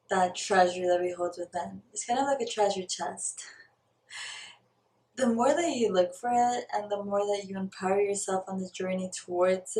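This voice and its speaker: Talking to camera in a personal vlog, a young woman from Brazil who makes spiritual content reflects earnestly, stopping at times to find her words. Her voice is medium-pitched and darkish, and the distant mic picks up a roomy sound.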